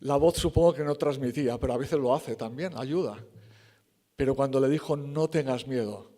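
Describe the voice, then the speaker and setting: A man's voice: mid-range voice, brisk, dark tone. A man preaching a sermon in church, emphatic and conversational, correcting himself and acting out the quoted lines.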